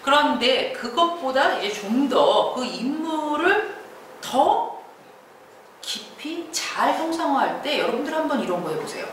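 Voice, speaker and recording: A woman giving a lively creative-writing lecture, acting out quoted lines and laughing often. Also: high-pitched, unhurried. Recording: echoey room from far off, faint noise.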